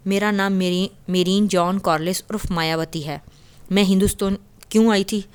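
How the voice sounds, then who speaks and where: A woman's voice: medium pitch, steady tone, clear, resonant tone, lightly acted. A woman voicing a defiant young woman thief. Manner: blunt, bitter, confessional. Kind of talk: casual story retelling.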